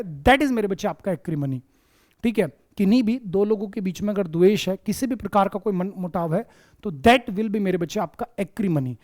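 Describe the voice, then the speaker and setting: A man's voice: high voice, a little mellow. A man hosting a vocabulary lesson for exam students, fondly calling them "my child" and "dear", mixing English words into his explanations and repeating quiz questions back. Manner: mixes English words into Hindi teaching. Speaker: vocabulary teacher and show host.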